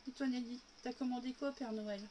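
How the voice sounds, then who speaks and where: Still coughing as she recovers from being sick, a woman livestreams a makeup tutorial at home, chattily walking viewers she calls "girls" through every step. Her voice is a little high, warm and steady, and a little fast. A faint hiss or hum runs underneath.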